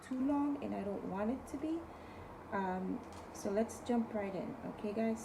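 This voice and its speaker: A woman with a New York accent hosting a casual spiritual talk as a tarot reader, chatty and often checking in with her viewers, her voice hoarse from overuse. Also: medium pitch, noisy background. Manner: chatty, keeps asking okay guys. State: losing her voice. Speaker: tarot reader and video host.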